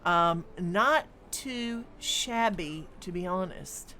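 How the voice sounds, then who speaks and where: Slow-talking woman game streamer. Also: fairly low pitch, expressive, sharp tone, slight background noise. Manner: thinks aloud, with many hums and ums. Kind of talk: live gameplay commentary.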